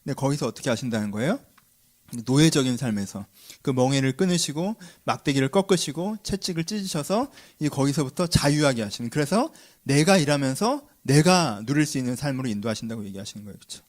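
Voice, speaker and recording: Animated, fast-talking male pastor. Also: mid-range voice. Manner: lively, asks the congregation questions and answers them himself. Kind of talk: sermon.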